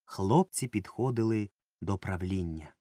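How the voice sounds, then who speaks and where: A man narrating a children's story aloud with expressive delivery. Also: sits low, unhurried, no room sound, clean studio sound. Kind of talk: audiobook narration.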